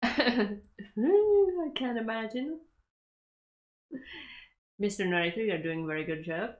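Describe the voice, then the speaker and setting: A woman's voice: on the high side, expressive, takes it slowly, muffled recording. A young woman in a small bedroom giving casual reaction commentary to an anime episode, giggling and talking back at the screen.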